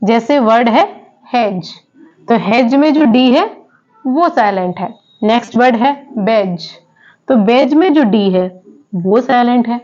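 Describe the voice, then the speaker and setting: A woman's voice: fairly high pitch, animated, slow pace, darkish tone. A woman teaching English in a classroom style, repeating each word and quizzing her students with questions. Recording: dull lo-fi sound.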